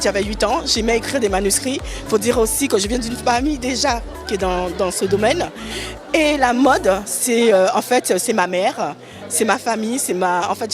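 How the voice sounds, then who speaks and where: A woman fashion designer and children's author, answering at length with many hesitations and fillers. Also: fairly high pitch. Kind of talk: interview at a fashion show.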